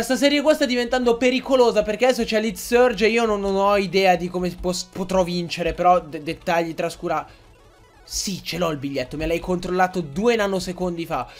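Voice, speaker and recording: A young man with a high voice gives excitable Let's Play commentary. He swears freely and keeps breaking into outbursts at the game. Faint game music plays behind him. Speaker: gaming YouTuber.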